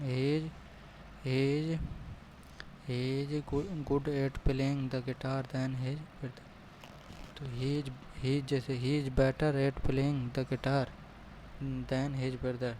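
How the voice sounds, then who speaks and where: A male tutor solves test questions aloud in a flat, dark, mellow voice, talking slowly and repeating each choice to himself. Faint traffic hums behind him. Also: medium pitch, low-quality recording. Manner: thinks aloud, repeats options, reads English questions slowly. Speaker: exam prep tutor. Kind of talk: solving a mock test aloud.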